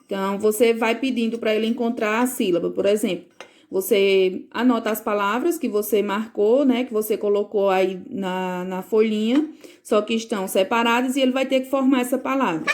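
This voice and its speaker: A woman's voice: medium pitch, moderate pace, a little mellow. A woman teacher recording a home lesson for parents, patiently explaining and checking in with frequent questions.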